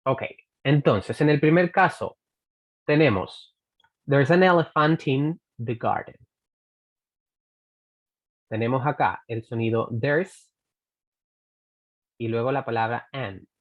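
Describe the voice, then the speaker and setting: A Chilean woman gives a recorded pronunciation lesson at a slow, unhurried pace. She repeats each example phrase carefully and deliberately. The audio is dull and lo-fi. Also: rumbling low. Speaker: English pronunciation teacher. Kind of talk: recorded online pronunciation workshop.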